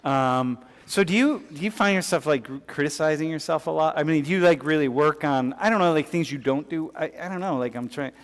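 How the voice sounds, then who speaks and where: In a large lecture hall with long reverb, a male professor lectures casually and takes student questions. His fairly high voice moves fairly quickly with few pauses, full of fillers and restarts.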